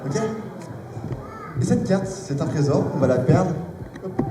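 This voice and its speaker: A man with a high-pitched voice works as a kids' party magician, guiding volunteers through playful, story-led stage patter. He sounds distant from the microphone in a very echoey space. It is a live show delivery aimed at a family audience. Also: unhurried, noisy background. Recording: echoey hall, distant mic, music behind.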